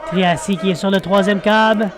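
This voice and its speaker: A man with a Québécois French accent gives live wrestling play-by-play as a commentator, calling each move with excited exclamations. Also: sits high, moderate pace. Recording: noisy venue with loud crowd behind.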